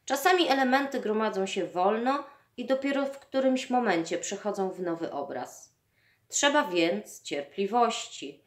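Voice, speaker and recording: A woman reading the lines of a calm, patient older male teacher in a measured, reasoning way. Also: medium pitch, reverberant.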